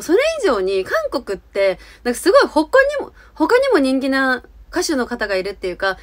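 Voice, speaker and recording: A young woman with a fairly high voice and very lively intonation talks to her camera at a quick pace. She sounds earnest and rambles a little, softening her opinions as she goes, in a casual YouTube style. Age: 20s. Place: small indoor room with curtain backdrop.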